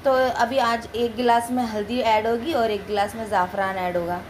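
A young woman from India talks loudly and chattily to her viewers, her voice sitting a touch high. She gives the casual voice-over for a home family vlog. Faint background noise sits under her voice. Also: fairly even intonation, normal speed. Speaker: family vlogger. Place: at home, indoors.

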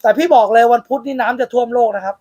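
A man's voice: very high-pitched, very fast, a little mellow, lo-fi sound. A man who owns a card shop and hosts a channel, chatting casually in a blunt, crude and teasing way inside his card shop. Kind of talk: casual chat.

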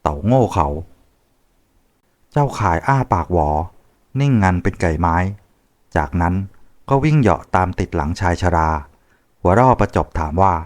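A man narrating a translated novel as an audiobook reader, in a steady, measured storytelling manner. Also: low-pitched.

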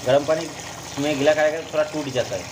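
A man's voice: fairly high pitch, fast, noisy background. Chatty man narrating home cooking. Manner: chatty, step-by-step, keeps saying "friends". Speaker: cooking vlogger. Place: home kitchen.

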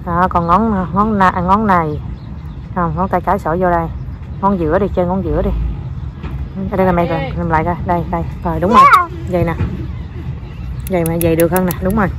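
A woman's voice: lowish voice, animated, a little fast, pauses often, noisy background. A young mother with a southern Vietnamese accent, talking casually in a family vlog. She keeps up a chatty stream of coaxing and praise for her child, slipping English words into her speech.

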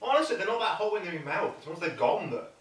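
A man hosting a casual tasting review, describing the food in a steady, matter-of-fact way. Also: high voice, racing, a crowd in the background. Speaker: host, hot food reviewer. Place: indoor room. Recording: echoey room, distant mic, faint noise.

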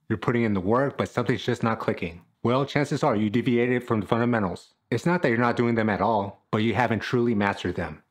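Brief: fitness coach in his thirties, punchy and jokey, fairly low voice, filmed at home. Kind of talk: scripted talk to camera. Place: small room at home, indoors.

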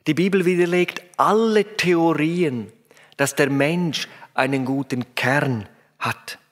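A man's voice: a little high, takes it slowly. A man preaching a sermon, emphatic and speaking straight to his listeners. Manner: emphatic, addresses listeners directly.

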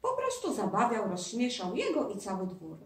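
An eager, curious schoolboy full of questions, as a woman reading a storybook puts him on. Her mid-pitched voice stays close to her own, heard with roomy echo from a mic set back. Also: wildly swooping pitch, moderate pace, far from the mic.

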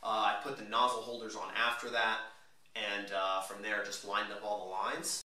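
A man casually walking through his own car modification project, relaxed and rambling with lots of fillers. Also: lowish voice, normal speed. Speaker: DIY car modder. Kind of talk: casual DIY walkthrough. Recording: echoey room, mic at a distance.

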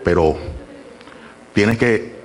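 A man's voice: lowish voice, very slow. A man doing playful stand-up crowd work, ordering a volunteer around. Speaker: stand-up comedian. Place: comedy club stage. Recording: loud live audience in a club.

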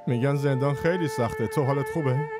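A man's voice: mid-range voice, music in the background, natural voice. A man dubbing a tearful older uncle. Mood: tender. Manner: emotional, tearful on the phone. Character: aging, soft-hearted uncle, grumbling at his wife. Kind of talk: Persian dub of a drama series.

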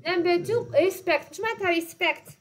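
A woman's voice: extremely high pitch, normal speed, a crowd in the background. A woman with an Algerian Arabic accent teaching a class over a video call, patiently repeating and explaining.

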